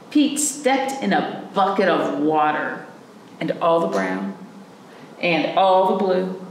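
In a small indoor room, a few feet from the camera, a woman in her forties hosts children's storytime as a librarian would, reading a picture book aloud and asking young kids simple, encouraging questions. Her voice is mid-range and creaky, and the audio has a roomy echo with faint background noise.

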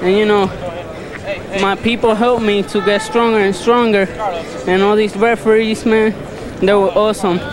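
A young man of eighteen, an amateur boxer, talks off the cuff after a fight. His voice is high for a man, picked up on a handheld mic amid crowd noise. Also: little pitch movement, moderate pace, low-quality recording. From Pennsylvania, United States. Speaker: amateur boxer being interviewed. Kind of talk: spontaneous post-fight interview. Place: ringside in arena. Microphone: handheld TV interview microphone. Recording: ringside with clear crowd noise.

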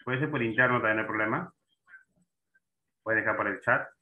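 A man's voice: lowish voice, fairly quick. A man teaching an online class, often checking in with students and asking questions as he goes. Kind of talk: online class on Spanish accent marks. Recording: tinny phone-like online call audio.

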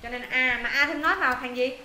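A woman teaching an English lesson to her students, walking them through answers and firing quick questions to check they follow. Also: high voice, sharp tone. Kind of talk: classroom lesson explaining answers. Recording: roomy echo, faint noise.

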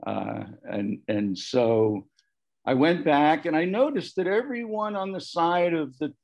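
A man's voice: on the high side, animated, unhurried, vocal fry, darkish tone. A man on a discussion panel telling a personal story in a reflective way, shifting his voice when he quotes other people. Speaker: panel guest sharing memories. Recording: muffled lo-fi audio.

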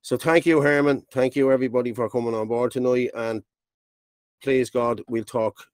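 A male forum host wraps up the evening and thanks everyone in a casual, matey manner. His voice is mid-pitched. The sound is close and dry. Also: fairly even intonation, normal speed, darkish tone, no room sound. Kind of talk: closing thanks to attendees.

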